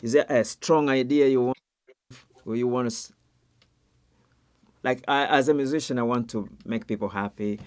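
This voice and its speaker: A man hosting an online panel interview, enthusiastic, with quick interjections. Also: medium pitch, smooth. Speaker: host. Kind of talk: interview chat.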